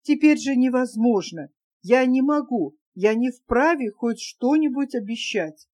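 A woman's voice: fairly high pitch, animated, measured pace, a little mellow. A woman reading a grown man's earnest, solemn promises in a novel. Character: grown man, tender earnest suitor.

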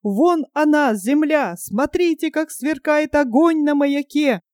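Eager male companion, exclaiming, woman reader, high, dry. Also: slow pace, darkish tone, dry recording. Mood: excited. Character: excited male companion spotting land.

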